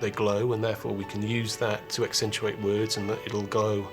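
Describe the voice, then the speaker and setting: A man's voice: on the low side, little pitch movement, normal speed. A man who works in film effects, giving a technical, explanatory documentary interview. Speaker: visual effects filmmaker. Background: music.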